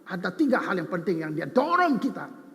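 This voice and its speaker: A man, preaching as a pastor in a playful, animated way, acting out both sides of imagined dialogues. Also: high voice, a little fast. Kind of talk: sermon. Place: large church sanctuary. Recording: long reverb of a church hall.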